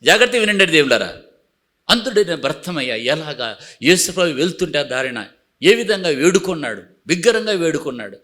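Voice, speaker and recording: Man, pastor, sermon, bright tense voice, repeated emphatic refrains, soft pleading passages. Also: a little high, big pitch swings, fairly quick. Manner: drops to a soft, pleading hush.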